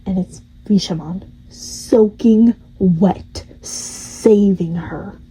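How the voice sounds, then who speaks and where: Slow, husky young woman rambling. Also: mid-range voice, mellow, low-quality recording. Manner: rambling, chatty, laughing at the story. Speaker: gaming channel host. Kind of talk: casual story recap of a game.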